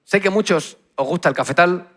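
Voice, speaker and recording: Guy from spain giving a youth talk, kinda high voice, punchy, keeps asking the crowd "right?". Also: fairly quick, fairly bright tone, slight background noise. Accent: Spain Spanish. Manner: punchy, asks the crowd "¿sí?" over and over. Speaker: youth speaker. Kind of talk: energetic youth talk to a live audience.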